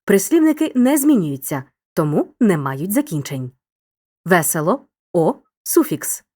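A woman narrating a scripted school grammar lesson in a clear, upbeat, encouraging teacher's tone. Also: on the low side, very animated, unhurried, dark tone.

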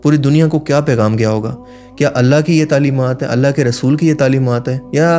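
A man with a Pakistani Urdu accent delivers impassioned religious commentary at an ordinary middle pitch. He drives his argument with indignant rhetorical questions, like a preacher scolding his listeners. Soft music plays faintly behind him. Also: fairly even intonation, fast.

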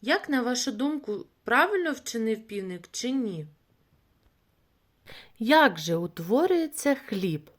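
A woman reading a fairy tale to children in a gentle, expressive way, then asking them questions about it like a teacher. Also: a little high, slow pace.

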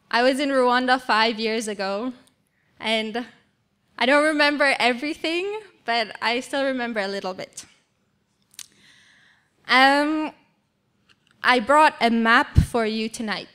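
Young woman in her 20s, slow and smooth, relaxed guest talk in church hall, stand mic. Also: fairly high pitch. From Switzerland, raised in Singapore. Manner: friendly, relaxed, laughs easily. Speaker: guest speaker. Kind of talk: church talk about mission work.

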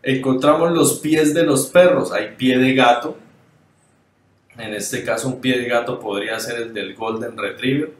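Recorded from a distance at medium pitch, this man leads an online dog grooming lesson with slides. He explains each step, often asks how his students are doing and stumbles, repeating and fixing words as he goes. The room echoes and his voice sits off-mic.

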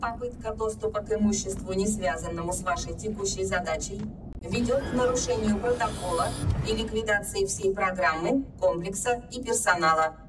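A woman's voice: medium pitch, normal speed, natural voice. A woman voicing a stern female security computer that coldly makes formal announcements, heard from a distance over game music. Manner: cold, formal, repetitive announcements.

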